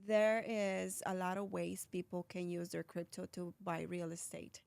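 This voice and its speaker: A woman's voice: fairly low pitch, fairly even intonation, normal speed, vocal fry, darkish tone, clean tone. A woman born in Colombia and raised in Philadelphia, talking casually as a real estate agent guest, with restarts and fillers. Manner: chatty, restarts, many fillers. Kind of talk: casual interview answers.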